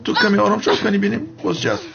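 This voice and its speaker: Heavily acted and very animated, this man's creaky, high-sitting voice belongs to a flustered helper in a dubbed drama. He fusses and coaxes over a girl who has passed out, while loud music plays over dull TV audio.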